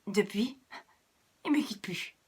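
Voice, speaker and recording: A woman telling a children's story in a soft, intimate way, often dropping into a whisper. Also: medium pitch, animated, a little slow, breathy edge.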